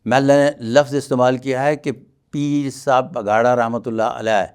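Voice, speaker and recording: A man's voice: medium pitch, steady tone, a little mellow, clear, resonant tone. Formal-spoken man, palmist guest. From Pakistan. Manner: measured, formal, courteous phrasing. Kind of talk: podcast interview.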